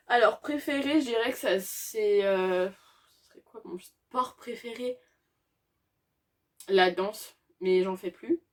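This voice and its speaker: A teenage girl answering tag questions in a casual, hesitant way, with frequent fillers and little laughs. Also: medium pitch. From France. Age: teens. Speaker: YouTuber.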